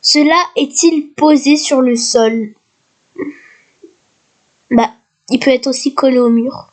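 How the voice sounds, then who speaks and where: Slightly hoarse high-voiced woman, slow. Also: steady tone, a little mellow. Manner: reads quiz questions aloud slowly, then answers casually. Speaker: youtuber. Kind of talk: casual gaming commentary.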